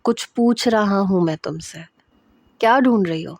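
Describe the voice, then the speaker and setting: A woman's voice: medium pitch, no room sound, natural voice. A stern young husband who talks down and taunts, his words clipped and curt, read out by a woman narrating the story. The reading is close and dry, with no room around it. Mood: commanding.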